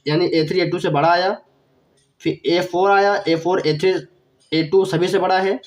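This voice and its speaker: In an online math lecture, a young man speaks at normal speed in a high, steady voice while dealing with a cough and feeling unwell. He explains each step in turn, repeats key phrases, and asks the viewer questions.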